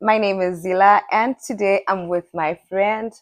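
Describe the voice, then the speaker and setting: A young Zimbabwean woman co-hosts a podcast, chatting casually and telling a story full of laughter. Her mid-range voice stays steady at a measured pace, and the recording is dry.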